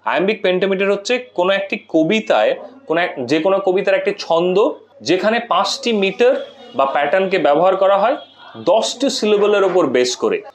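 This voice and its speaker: A man's voice: sits high, lively intonation, normal speed. A man giving a lesson, explaining methodically and repeating examples. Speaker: teacher. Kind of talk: classroom lecture.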